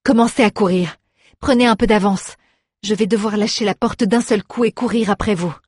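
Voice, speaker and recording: A woman's voice: fairly high pitch, fairly even intonation, fairly quick, bright, forceful tone, breathy edge, no echo, studio quality, pitched above the performer's own voice. Woman voicing a urgent young heroine. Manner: urgent, commanding. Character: brave young girl with magic powers.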